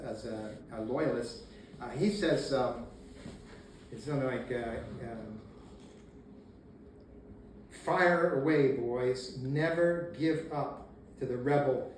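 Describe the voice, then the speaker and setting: At a meeting room talk, a medium-pitched man gives a casual local history lecture, telling the story energetically, acting out shouted quotes and laughing often. A distant camera mic picks him up in an echoey room with faint noise.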